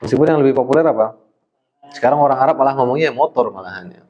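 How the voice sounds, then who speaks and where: A man teaching Arabic to a class, drilling questions and explaining words patiently, often ending phrases with a soft "ya". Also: medium pitch, animated. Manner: slow, patient drilling with frequent "ya". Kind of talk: classroom Arabic lesson in Indonesian. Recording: roomy, slightly dull classroom sound.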